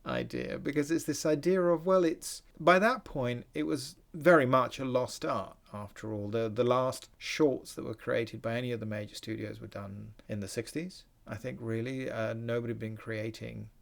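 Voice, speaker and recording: A man with a gravelly, creaky voice hosts a relaxed film-discussion podcast. He thinks aloud, analytical and musing, often restarting his sentences as he works through his points. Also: medium pitch, normal speed, few pauses. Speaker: podcast host.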